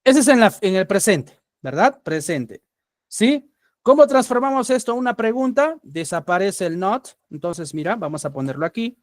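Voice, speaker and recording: Patient Peruvian teacher, dry close sound. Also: male voice, high-pitched, no room sound. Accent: Peruvian Spanish. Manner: patient, keeps checking understanding with rising "¿sí?". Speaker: English teacher. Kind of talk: online class explaining grammar.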